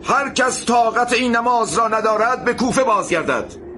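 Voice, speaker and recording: A man's voice: medium pitch, slight background noise, natural voice. An actor playing a male army commander who speaks in a firm, authoritative way. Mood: commanding. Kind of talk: audio drama acting.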